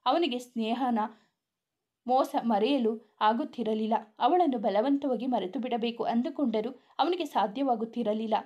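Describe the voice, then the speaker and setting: Mellow woman narrating a love story. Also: on the high side, moderate pace.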